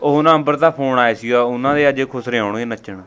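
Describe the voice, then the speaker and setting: A man's voice: medium pitch, fast talker, a bit bright, smooth, muffled recording, lightly acted. A man acting a student grandson who keeps reassuring his grandmother that he will take her once his exams end. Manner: placating, reassuring. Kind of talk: family comedy skit acting.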